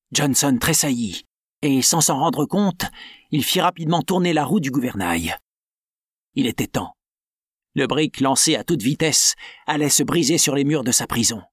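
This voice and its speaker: Male audiobook narrator, dramatic and steady, slightly high voice, dry close sound. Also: slightly rough, no room sound. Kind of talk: scripted narration of an adventure novel.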